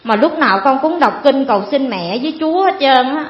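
A woman's voice: high voice, animated. A woman, giving a rambling, earnest personal testimony to a priest. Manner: rambling, earnest, fills pauses with "cái" and calls the priest "cha". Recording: echoey, dull hall sound.

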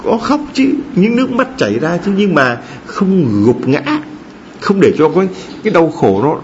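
A male priest delivers a sermon with a very lively, swooping pitch, rising high for emphasis and dropping low and soft. He throws rhetorical questions at his listeners. The recording is slightly dull, with a faint hiss behind it. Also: moderate pace. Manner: animated preaching with rhetorical questions and acted-out quotes.

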